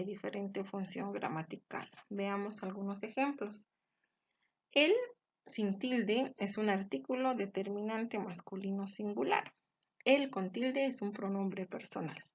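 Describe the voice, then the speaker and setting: A woman teacher from Peru giving a grammar lesson, explaining patiently, stressing example words and checking in with short tag questions. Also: medium pitch.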